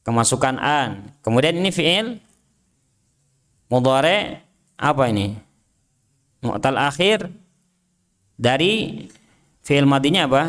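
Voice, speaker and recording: Male ustadz, mid pitch, slow and methodical, reads and translates Arabic texts and quizzes the class. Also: sing-song, a bit bright. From Indonesia. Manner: reads Arabic text then translates and explains; drills students with short questions. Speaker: religious teacher. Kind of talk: Islamic study lesson, quizzing students.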